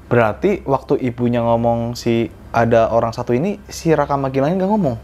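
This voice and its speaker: A male host in a casual chat, backing the speaker with short replies and quick questions. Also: medium pitch, a little mellow, highs cut off.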